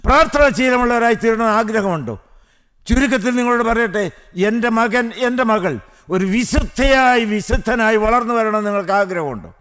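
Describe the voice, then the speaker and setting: A man preaching a fervent sermon, swinging between hushed prayer and loud cries with repeated hallelujahs. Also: extremely high pitch, animated, a little fast, clean tone.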